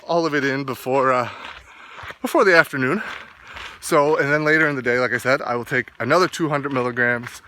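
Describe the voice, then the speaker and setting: Man, bright forward voice, casual halting vlog talk, outdoors with faint background noise. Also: on the high side. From east coast of Canada. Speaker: fitness vlogger. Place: outdoors, walking in the sun.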